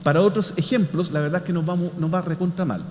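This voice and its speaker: High-voiced Chilean man lecturing in a hall. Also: fast talker, darkish tone. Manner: didactic, checks in with short tag questions. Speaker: speaker, scientist. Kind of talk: public science talk. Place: large indoor hall before an audience. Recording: echoey hall, faint noise.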